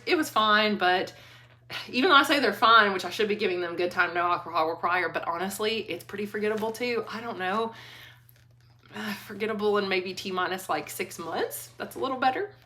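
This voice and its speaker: Woman, casual book vlogger, animated and giggly, clear bright tone. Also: medium pitch. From Kentucky. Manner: chatty, animated, laughs often, trailing restarts. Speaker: school librarian book reviewer. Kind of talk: casual book review vlog.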